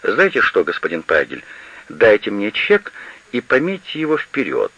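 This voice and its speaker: A man's voice: fairly low pitch, wildly swooping pitch, moderate pace, fairly bright tone, breathy edge, no echo, exaggerated voice. A man reading an audiobook and voicing a proud, demanding woman who owns an estate, on a slightly lo-fi recording. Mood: imperious. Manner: insistent and demanding. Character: proud, pleading, imperious woman estate owner.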